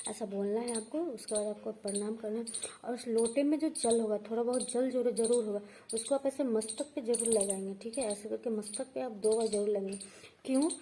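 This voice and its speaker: A woman's voice: fairly high pitch, fairly quick, warm tone, a little hiss or hum, low-quality recording. Patient woman explaining a ritual. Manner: patient, repeats each step with frequent check-ins. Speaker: astrology and vastu teacher. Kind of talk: devotional how-to instruction.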